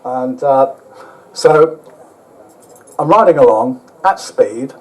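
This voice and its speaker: A man's voice: mid-range voice, lively intonation, slow pace, a little mellow, poor audio. A man telling a rambling, self-mocking travel story to a live audience, with casual swearing. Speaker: speaker at an overland motorbike event.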